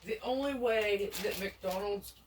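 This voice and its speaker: A woman with a Southern US accent chatting casually with her husband while eating on camera, folksy and quick to laugh. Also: mid-range voice, far from the mic, a little hiss or hum, rough recording. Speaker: vlogger, mukbang co-host.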